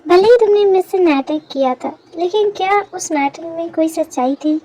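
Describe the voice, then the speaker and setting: A woman voicing a sweet but hurt young woman in a fan dub drama, asking gentle questions. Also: very high voice, moderate pace. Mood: questioning.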